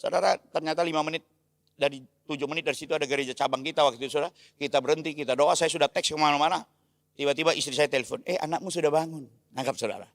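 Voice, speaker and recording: A middle-aged male pastor preaching a sermon, telling a story with lively acted-out dialogue and often turning to the congregation. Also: on the high side, dry recording, clean studio sound. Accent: Indonesian. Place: large church hall.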